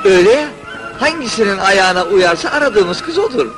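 High, excitable fretful court servant. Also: male voice, fairly quick. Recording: old film soundtrack with music.

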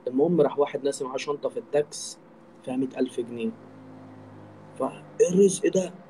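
A man's voice: medium pitch, fast talker, warm tone, slight background noise, low-quality recording. A man with an Egyptian accent, chatting casually and teasingly as he hosts a live stream. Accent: Egyptian Arabic. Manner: joking, teasing. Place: indoor room, live video call.

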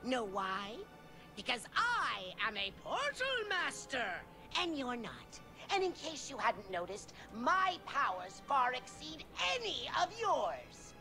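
An actor playing a scheming little evil overlord in a game, shrill and theatrical, with game music behind. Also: male voice, sing-song, slow, heavily acted. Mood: taunting.

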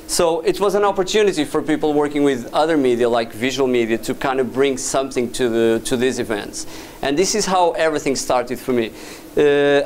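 A Portuguese man in his thirties, a VJ and doctoral student appearing as a guest speaker, gives a casual, halting talk in a dim lecture hall with a projector screen, full of fillers and restarts. His voice sits on the high side and is picked up by a far camera at the back of the room, with a little hiss or hum.

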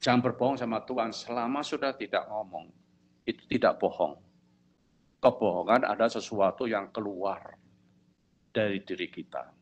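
A man's voice: moderate pace, pauses often, husky, dull audio. A man preaching a sermon as pastor, telling a story and acting out both sides of a conversation, often checking whether the congregation follows. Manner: storytelling preacher, acts out dialogue with lively pitch jumps; asks the congregation if they follow.

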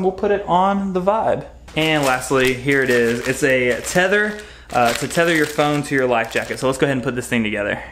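A fishing vlogger in his thirties reviews gear in a casual home vlog, upbeat and chatty, his mid-range, slightly bright voice caught on a close camera mic in his garage. There's a little hiss or hum in the recording.

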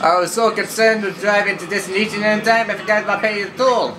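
A man's voice: sits high, fairly even intonation, quick pace, over music, poor audio. A man casually narrating a driving game, rambling and joking at himself while role-playing his character. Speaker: gameplay commentator.

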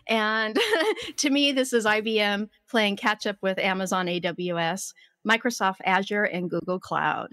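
A woman's voice: medium pitch, fairly even intonation, a little slow, a bit bright, big-room sound. A woman co-hosting a casual podcast, upbeat and giggly as she chats. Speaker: podcast co-host. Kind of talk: casual chat.

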